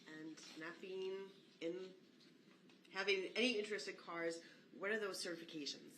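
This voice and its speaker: A woman's voice: fairly low pitch, normal speed. A woman prosecutor questioning a witness formally and methodically. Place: courtroom. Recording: echoey courtroom, distant mic, faint noise.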